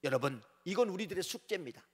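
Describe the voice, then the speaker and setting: A male pastor preaching a sermon to his congregation, animated and direct, swinging between raised declarations and quiet asides. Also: sits high, fast talker, slightly rough. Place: church sanctuary. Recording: church sanctuary with long reverb.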